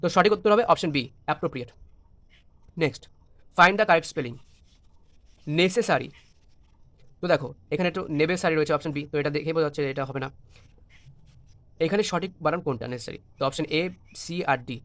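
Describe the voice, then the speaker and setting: A man's voice: fairly high pitch, a little fast, long pauses, a bit bright. A man with a Bengali accent teaching an exam-prep English lesson, spelling words letter by letter and mixing Bengali with English.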